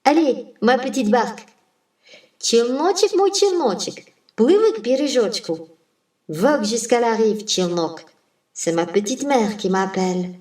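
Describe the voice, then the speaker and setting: A storyteller voicing a little fisher boy, softly coaxing his boat in a sing-song way, heard from a distance in a roomy space. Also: mid-range voice, expressive, unhurried. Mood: eager.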